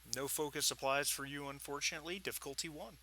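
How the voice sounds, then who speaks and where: A man running a tabletop game as game master, relaxed and unhurried, with many fillers. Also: a little high.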